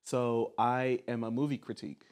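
A man's voice: medium pitch, little pitch movement, normal speed, darkish tone. Young man joking as a podcast host. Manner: joking, argumentative, laughs often. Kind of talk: casual chat.

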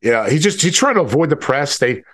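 An American man co-hosting in casual political chat, halting and stammering as he talks, with a disdainful manner. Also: a little high, sing-song, a bit bright.

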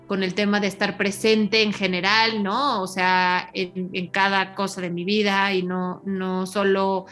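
A woman explains parenting ideas as a guest. She speaks in a measured way at a middle pitch, often checking in with a quick question. Soft music sits faintly behind her voice. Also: flat delivery. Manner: measured, explains with frequent "¿no?" and "etcétera". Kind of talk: explanatory conversation.

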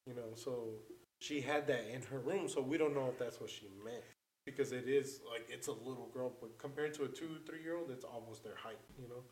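A man with an average-pitched voice tells a story in a relaxed, rambling way. He leans on filler words and swears freely, like he's chatting with friends. The room around him gives the voice a noticeable echo. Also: brisk, a little hiss or hum. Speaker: storyteller on a podcast. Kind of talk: casual chat. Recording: roomy echo.

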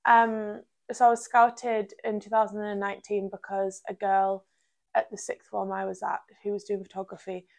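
Young Durham woman, creaky voice. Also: mid-range voice, little pitch movement, normal speed, a little mellow. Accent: Durham, North East English. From Durham, England. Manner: chatty, uses "like" constantly. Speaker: podcast guest, part-time model. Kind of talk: casual chat interview.

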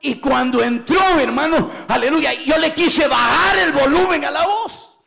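A middle-aged male pastor preaching a Pentecostal sermon, shouting and throwing in "aleluya" and "hermano" between phrases. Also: extremely high pitch, a little slow, gravelly.

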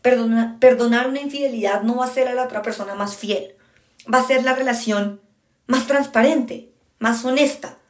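A woman's voice: a little high, moderate pace. A woman podcast host giving frank, emphatic relationship advice in a casual monologue, speaking straight to her listeners. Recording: echoey room.

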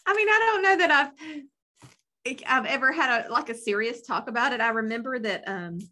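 A woman podcast co-host chatting casually in a fairly high, bright and forward voice. She comes across as blunt and wry. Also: expressive, fairly quick. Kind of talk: casual chat.

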